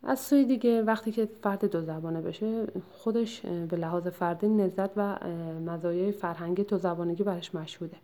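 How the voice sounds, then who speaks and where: A woman giving a lecture that summarizes a textbook chapter, explaining at a measured pace and often pausing to hesitate or correct herself. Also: lowish voice, dark tone.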